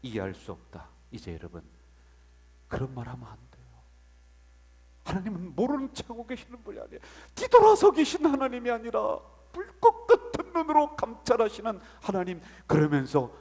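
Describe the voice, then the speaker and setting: A male pastor delivering a dramatic sermon in a church sanctuary. His slightly husky voice sits a little high and swings widely in pitch. He moves from loud outbursts to near-whispers under a long, ringing hall reverb. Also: wildly swooping pitch, moderate pace.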